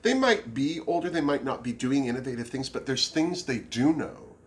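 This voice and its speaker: A man in a casual review chat, talking in a campy drag queen manner with drawn-out emphasis. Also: medium pitch, lively intonation. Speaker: drag show review co-host.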